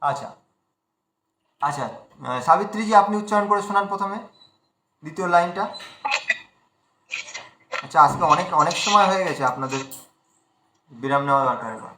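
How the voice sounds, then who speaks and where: A man teaching recitation in an online class, repeating syllables slowly and explaining pronunciation. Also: sits high, expressive, reverberant, noisy background. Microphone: video call.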